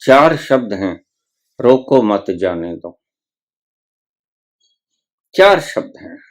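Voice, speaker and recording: A man's voice: on the low side, big pitch swings, extremely slow. A man giving a spiritual discourse, reciting scripture verses and explaining them with rising emphasis. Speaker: spiritual teacher.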